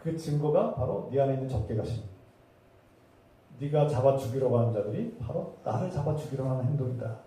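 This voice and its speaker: A man's voice: medium pitch, lively intonation, a little fast, mellow. A man preaching a sermon as pastor, impassioned and emphatic, building his points through repeated phrases. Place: church sanctuary. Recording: echoey hall, voice from a distance.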